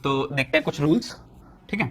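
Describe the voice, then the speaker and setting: A young Indian man teaching a physics lesson at a board, asking questions and answering them himself, slowing down to dictate definitions. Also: fairly high pitch, animated, fairly bright tone. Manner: asks students questions and answers them himself, repeating key points.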